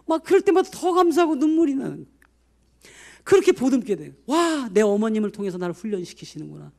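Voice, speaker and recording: A middle-aged male pastor gives an emotional testimony sermon, swinging between loud outbursts and hushed asides. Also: sits high.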